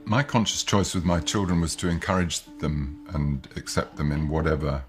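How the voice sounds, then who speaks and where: Older dad in a documentary interview, really deep voice, calm and measured, a bit of music low behind. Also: male voice. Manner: measured and reflective. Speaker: parent, interviewer.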